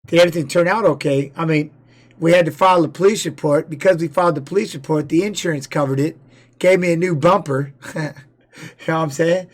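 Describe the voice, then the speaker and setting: A middle-aged man streaming, loudly telling stories and reacting to fight videos with plenty of swearing. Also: a little high, a little fast. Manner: loud, profane storytelling with laughs. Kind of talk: casual stream chat.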